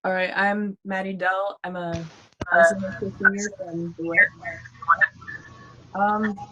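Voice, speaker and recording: A woman's voice: medium pitch, level tone, slow, bright, forceful tone, dull audio, slight background noise. A young woman, an incoming student, introducing herself over a video call with hesitant fillers.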